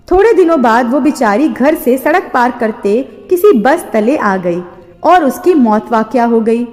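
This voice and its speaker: A woman telling a sorrowful first-person story in an earnest, steady narration. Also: sits high. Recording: long hall-like reverb.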